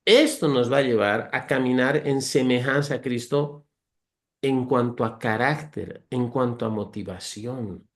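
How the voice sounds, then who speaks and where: At a measured pace, a man of ordinary pitch gives a conversational Bible teaching, reading verses and earnestly working through their meaning. He enumerates virtues individually, likens things to everyday life with humor, and speaks to his listeners as brothers.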